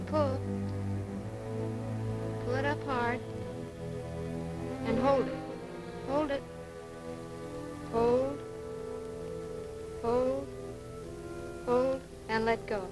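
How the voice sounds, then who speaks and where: An actress playing a firm, encouraging physical therapist in 1940s film style. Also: female voice, high voice, rough recording. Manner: commanding, encouraging. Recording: old film soundtrack, loud music behind.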